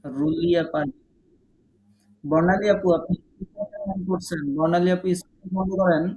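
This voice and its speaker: A man's voice: sits high, fairly even intonation, darkish tone, dull audio. Patient man teaching recitation online. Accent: Bangladeshi Bengali. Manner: patient, corrective, drills sounds slowly and repeats them. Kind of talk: live online class, correcting students one by one. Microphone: online class call.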